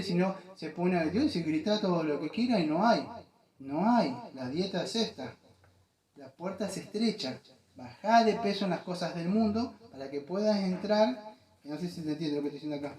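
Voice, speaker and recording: Earnest Argentine pastor in an echoey church. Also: male voice, on the high side, darkish tone. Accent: Argentine Spanish. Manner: earnest, repetitive, addresses listeners as "amado". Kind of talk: sermon.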